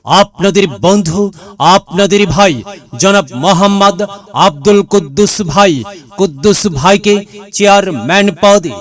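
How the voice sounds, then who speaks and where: Fairly high-voiced guy reading campaign slogans slow and formal, music under it. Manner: formal, declamatory slogan delivery. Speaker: campaign announcer. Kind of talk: election campaign promo, call and response. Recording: music bed behind the voice.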